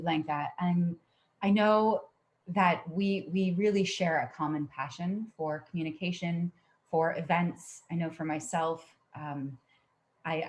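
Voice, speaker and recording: Give me a woman hosting a podcast interview with a slightly low voice. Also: a little mellow. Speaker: podcast host.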